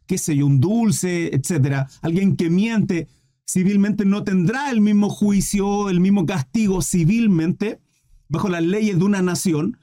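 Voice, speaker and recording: High-voiced male preacher, mellow tone. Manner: addresses listeners as brothers, asks rhetorical questions. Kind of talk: sermon.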